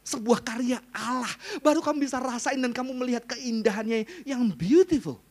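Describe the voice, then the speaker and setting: A male pastor preaching a conversational sermon, quizzing his audience and swinging between hushed asides and loud emphasis. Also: very high voice, lively intonation, normal speed.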